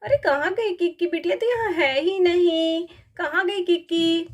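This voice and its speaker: A woman's voice: extremely high pitch, normal speed. A woman voicing an anxious young mother searching for and pleading for her daughter in a doll story. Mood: worried.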